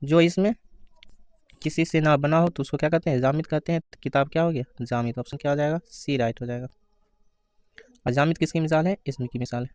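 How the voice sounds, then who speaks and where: A man giving an exam-prep grammar lesson, asking questions and answering them himself, reading out the answer options slowly. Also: fairly high pitch, steady tone, darkish tone, dry recording. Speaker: teacher.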